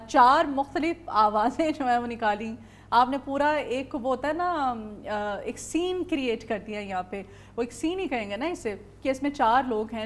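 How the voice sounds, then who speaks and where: Female morning-show host, bright questions, higher pitch. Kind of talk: TV talk show interview.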